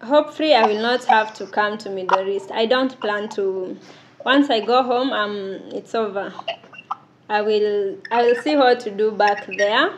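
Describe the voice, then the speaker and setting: A woman's voice: mid-range voice, measured pace. A woman in her thirties, giving an interview as a domestic worker, earnest and given to laughing. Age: 30s. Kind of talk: casual interview. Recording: noisy background.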